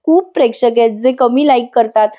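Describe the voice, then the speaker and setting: Brief: chatty woman reviewing a serial in voice-over, with a mellow, fairly high voice. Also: a little fast. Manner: chatty, addresses viewers directly.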